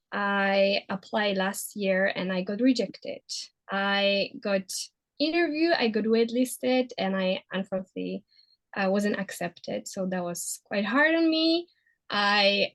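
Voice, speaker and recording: A woman in her thirties from Poland with a Polish accent, telling her story as an interview guest with many pauses and fillers. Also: medium pitch. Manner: hesitant, many fillers and restarts. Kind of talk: casual interview.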